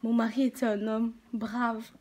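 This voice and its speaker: A woman playing a grieving Italian miner's widow in a news interview, speaking halting, emotional French with a foreign Italian accent. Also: on the high side, flat delivery, a little mellow. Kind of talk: testimony in a staged news interview.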